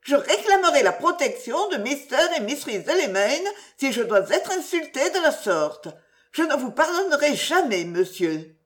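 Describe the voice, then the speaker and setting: A fiery, flirtatious widow, as a woman reads her, pitched well above the narration and swinging between coaxing sweetness and sharp indignation. Her voice climbs high and bright in a storybook reading. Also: sing-song, takes it slowly. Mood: indignant. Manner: pleading, then indignant and pouty.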